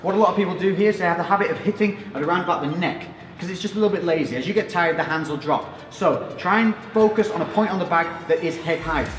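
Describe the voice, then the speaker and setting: Male boxing coach, slightly high voice, informal step-by-step workout instruction, reverberant space. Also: quick pace, few pauses, a little hiss or hum. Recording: echoey reverberant room with music.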